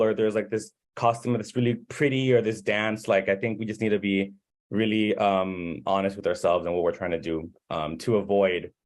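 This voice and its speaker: A man from Miami speaks informally on a panel, halting and conversational as he thinks aloud. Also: fairly low pitch. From Miami, United States.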